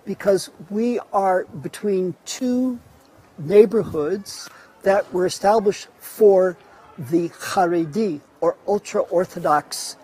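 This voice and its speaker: A man guides a live online walking tour outdoors, lecturing in a mellow, high-pitched voice. He talks slowly, pausing on fillers and breaking off to restart words. Faint street ambience runs underneath. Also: breathy edge, rough recording. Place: outdoors in a city neighborhood.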